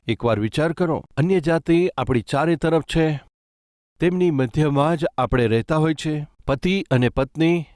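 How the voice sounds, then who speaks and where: A man's voice: fairly high pitch, darkish tone, no echo, studio quality. A man preaching a sermon, earnestly asking his listeners rhetorical questions and ending in prayer. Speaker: pastor.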